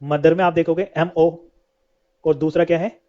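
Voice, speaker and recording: A man's voice: fairly high pitch, fairly even intonation, moderate pace, mellow. A man teaching an English lesson, who keeps asking questions and then answers them himself. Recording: dull lo-fi sound.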